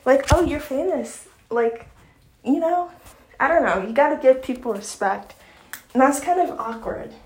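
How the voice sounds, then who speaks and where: A woman's voice: high-pitched, expressive, unhurried, long pauses, slight background noise. A young woman from Long Island talking in a casual, rambling vlog chat full of fillers. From Long Island, New York. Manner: chatty, rambling, lots of fillers. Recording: echoey room.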